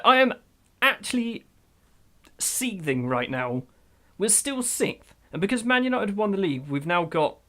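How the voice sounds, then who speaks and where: A man giving let's-play commentary over a football management game, excitable, swinging from grumbling to loud outbursts. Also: mid-range voice. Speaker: gaming YouTuber.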